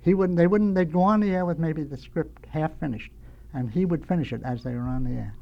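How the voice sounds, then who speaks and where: An older American man who spent his career doing radio sound effects sits in as a studio guest, rambling and halting through nostalgic anecdotes. His voice is fairly high and creaky, and the audio sounds dull.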